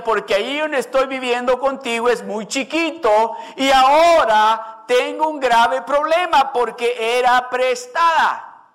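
A male preacher voicing a distraught poor man who lost a borrowed axe, crying out in a high, pleading voice. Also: a bit bright.

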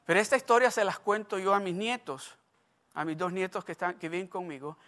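A man's voice: high-pitched, brisk, fairly bright tone. An older man preaching a sermon, emphatic and repetitive, asking the congregation questions and telling stories from his own life. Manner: storytelling asides.

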